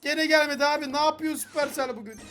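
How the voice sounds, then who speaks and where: A young man giving excited gameplay commentary, frustrated and pleading with the game as he opens loot boxes. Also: extremely high pitch, fast talker, faint music behind. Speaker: gaming YouTuber.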